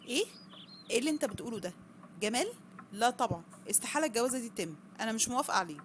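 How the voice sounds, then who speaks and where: A woman's voice: fairly high pitch, animated, rapid-fire, lightly acted. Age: middle-aged. Figure: a woman playing a stubborn, stern mother. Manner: sharp and commanding. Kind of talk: one-woman voice drama. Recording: noisy background.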